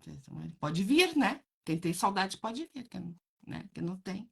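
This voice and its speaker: A woman's voice: medium pitch, sing-song, normal speed, vocal fry, breathy edge. A woman hosting a casual chat, talking bluntly and frankly to her viewers and laughing often. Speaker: host reading viewer comments.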